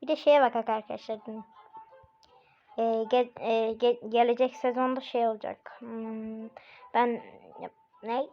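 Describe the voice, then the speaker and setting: A woman hosting casual gameplay commentary, chatty and bursting into excited shouts at the game. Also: fairly high pitch, unhurried. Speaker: gaming channel host. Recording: muffled lo-fi recording with faint game music.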